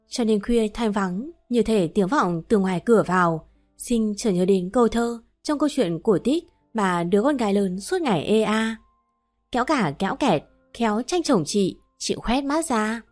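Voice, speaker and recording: A woman narrating a ghost story in a steady storytelling voice. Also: medium pitch.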